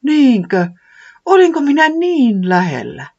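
A storyteller voicing a timid lost woolly forest creature with a high, childlike, trembling voice. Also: expressive, pushed and bright, breathy edge, lo-fi sound. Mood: astonished.

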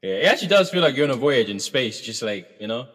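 A man's voice: medium pitch, big pitch swings, fast talker, a bit bright, big-room sound. A man co-hosting a casual album review chat, laid-back, humming and singing bits of songs. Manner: laid-back, hums and sings song lines. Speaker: podcast co-host.

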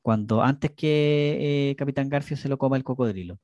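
A man's voice: medium pitch, normal speed, a little mellow, no echo, clean studio sound. A young adult Chilean man co-hosting a casual podcast chat, joking and telling stories with playful repetitions. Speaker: podcast co-host.

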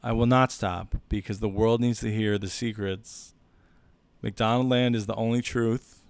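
A man co-hosting a podcast in casual chat, rambling with jokey deadpan asides. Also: on the low side, unhurried, clean tone, no room sound. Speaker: podcast co-host.

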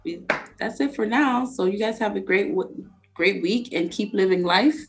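A young woman co-hosting a relaxed podcast at a middling pitch. She talks playfully, laughing through mock-disbelieving questions. She comes from a Haitian family. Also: moderate pace, soft background music. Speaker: podcast co-host. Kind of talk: casual podcast chat.

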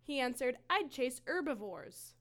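A woman in casual chat, giggly and expressive, often laughing as she reads and reacts to stories. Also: high-pitched, measured pace. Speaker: co-host.

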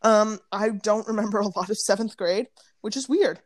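A teenage girl chats on a podcast in a loose, rambling way, full of slang and giggles. Her voice sits at an ordinary middle pitch. The sound is dry and close, with no room around it. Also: normal speed, dry recording. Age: teens. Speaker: podcast co-host. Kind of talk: casual chat.

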